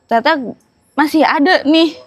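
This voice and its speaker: A young woman with a Jakarta accent casually recounting a story as a guest, chatty and laughing, often halting on fillers. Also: high voice, no echo. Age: young adult.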